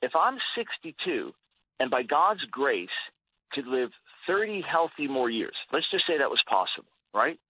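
A man's voice: mid-range voice, very animated, normal speed, husky, no room sound. A man in his sixties talking as a guest on a radio interview, earnest and emphatic, often repeating words as he starts a thought. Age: 60s. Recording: tinny phone-line radio audio, dry.

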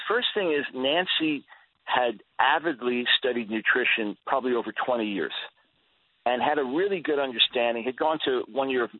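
A man's voice: medium pitch, dry recording. Earnest man in his sixties, phone-line sound. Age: 60s. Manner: earnest, emphatic, repeats words when starting. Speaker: guest. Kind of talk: radio interview. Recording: tinny phone-line radio audio, dry.

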